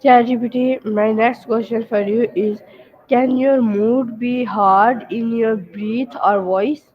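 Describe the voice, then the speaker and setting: A woman's voice: a little high, fairly even intonation, slow pace, highs cut off. A woman hosting an interview with an AI chatbot, asking casual, unscripted questions.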